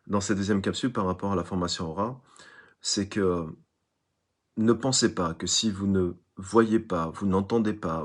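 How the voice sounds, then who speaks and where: A man giving an online spiritual lecture, emphatic, who repeats phrases and tells little stories. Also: low voice. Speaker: spiritual teacher.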